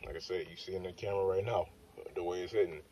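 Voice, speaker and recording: Filming himself from a parked car, a young fitness vlogger speaks to his dashboard phone in a deep, dark voice. He talks fast with fairly even intonation, drifting loosely and circling back with "like I said" and "you know what I'm saying." The audio sounds dull and a little distant.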